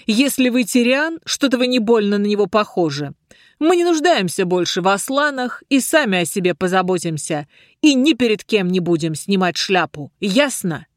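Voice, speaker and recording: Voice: mid-range voice, big pitch swings, moderate pace, no room sound, studio quality, close to an everyday voice. A reader doing a sneering surly dwarf. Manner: sneering, mocking.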